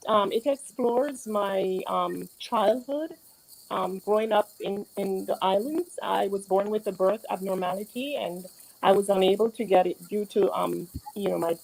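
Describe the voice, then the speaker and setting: A woman's voice: medium pitch, creaky, a little mellow, low-quality recording. A woman from Jamaica, an author and nurse, speaking plainly and earnestly. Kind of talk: interview.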